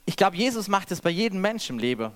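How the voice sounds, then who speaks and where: A man's voice: sits high, very animated, fast talker. A man reading scripture aloud and then preaching freely, with some restarts.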